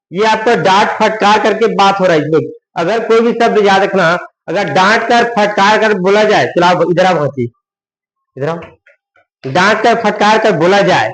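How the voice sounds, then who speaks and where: A man with a high-pitched voice teaches English grammar. He explains step by step, asking questions and answering them himself, and often checks in with "है ना". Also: rough recording. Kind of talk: Hindi-medium grammar lesson.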